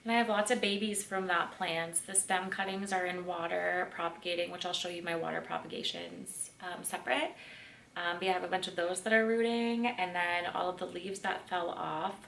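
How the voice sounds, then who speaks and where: A woman's voice: fairly low pitch, normal speed, creaky, fairly bright tone. A woman giving a casual tour of her home, chatting and gushing with lots of fillers. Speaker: plant vlogger. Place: room in her home, indoors. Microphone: camera mic across the room. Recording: roomy and distant with faint ambient noise.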